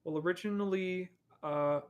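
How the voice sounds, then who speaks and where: A man's voice: sits high, normal speed, muffled recording. A young man answering viewer questions on a live stream in a rambling, casual way, full of fillers and restarts. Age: young adult. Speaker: animator and streamer.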